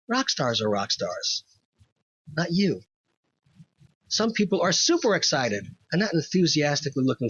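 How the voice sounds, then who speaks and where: A man's voice: on the high side, husky, dry recording, dull audio. A man hosting a scripted opinion monologue, wry, wordy and pedantic. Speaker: host.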